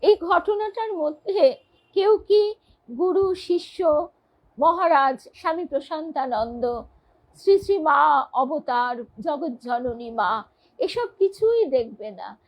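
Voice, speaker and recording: A woman reading devotional stories aloud and commenting on them in a measured, earnest way. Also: high voice, animated, muffled recording. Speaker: reader of devotional texts.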